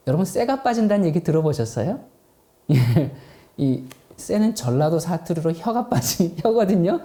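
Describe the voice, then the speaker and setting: A male pastor delivers a sermon with a fairly high voice, telling the story vividly and turning again and again to address the congregation. His tone is dark and mellow rather than bright. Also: sing-song, moderate pace.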